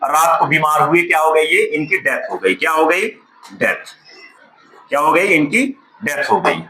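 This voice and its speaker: A man teaches a classroom lesson, asking questions and answering them himself while drawing out key words. His voice is bright and sits a little high. The room is echoey, with faint noise behind him. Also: animated, unhurried. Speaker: spoken English teacher.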